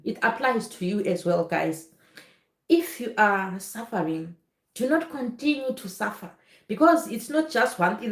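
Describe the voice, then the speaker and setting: Earnest woman vlogger in an echoey room. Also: a little high. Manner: earnest, often asks "you understand?". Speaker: nurse vlogger. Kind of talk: personal testimony to viewers.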